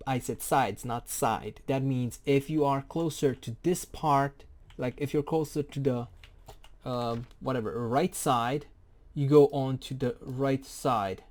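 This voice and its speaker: Man, mellow warm voice, casual game tutorial, rambling, jokey, self-correcting. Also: mid-range voice, slow pace. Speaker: game guide creator.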